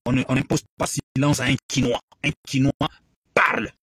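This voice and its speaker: A man's voice: medium pitch, flat delivery, moderate pace, a bit bright, slightly rough, rough recording. A man from Congo with a Congolese French accent, giving a bilingual preaching address that switches between French and English, emphatic and repetitive. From Democratic Republic of the Congo.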